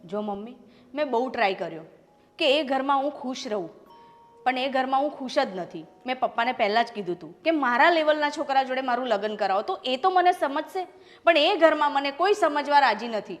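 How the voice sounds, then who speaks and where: A woman's voice: sits high, animated, brisk. A woman playing an unhappy young married daughter and doctor, who pleads and argues with her parents in a short family drama. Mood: upset. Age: young adult. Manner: upset, pleading and defiant. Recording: long reverb with background music.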